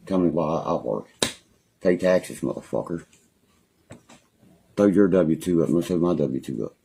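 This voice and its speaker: Indoors in a small room at home, a young livestreamer with a West Virginian accent goes on a profane phone-stream rant. His deep voice has vocal fry and a mellow quality, animated but unhurried, as he rambles angrily, threatens and curses nonstop over slight background noise.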